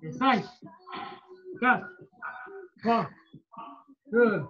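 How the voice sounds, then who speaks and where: A man's voice: high-pitched, expressive, very slow, fairly bright tone. A man coaching a live workout class like a barking gym coach, urging people on with short commands and countdowns. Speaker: fitness coach leading a live cardio workout. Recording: dull lo-fi live stream sound.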